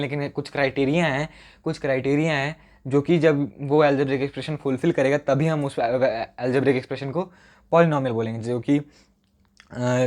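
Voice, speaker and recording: Slow, repetitive young male maths teacher. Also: mid-range voice, a little mellow. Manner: joking asides to viewers. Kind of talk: casual classroom lesson.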